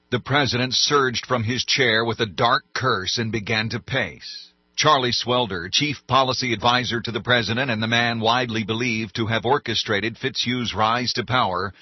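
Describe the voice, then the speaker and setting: A male narrator reading an audiobook at a measured, even pace. His voice is low and husky. The recording sounds dry and a little dull. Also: no echo. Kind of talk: scripted narration.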